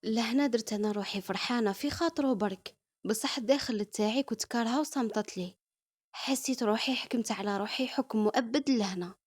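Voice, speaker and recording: Algerian girl telling her story, talks fast, chatty. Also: fairly high pitch, darkish tone, breathy edge. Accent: Algerian Arabic. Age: young adult. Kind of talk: first-person story narration.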